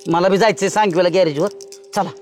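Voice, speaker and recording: A man in a village comedy skit, boasting and bossing kids about with excitable energy. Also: sits high, fast, music in the background. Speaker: comic lead in a village comedy.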